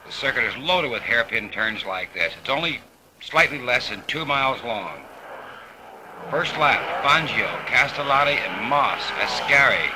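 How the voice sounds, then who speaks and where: A man narrating race footage on an old 1950s film soundtrack, relaxed and dropping wry asides. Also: mid-range voice, a little slow. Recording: hissy, noisy vintage film recording.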